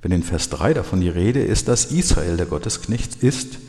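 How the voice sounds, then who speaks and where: Deep-voiced man preaching in a reverberant hall. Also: big pitch swings, moderate pace, a little mellow. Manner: earnest, rising to emphatic outbursts. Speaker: preacher and church leader. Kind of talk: sermon with Bible readings. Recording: long hall reverb, faint background music.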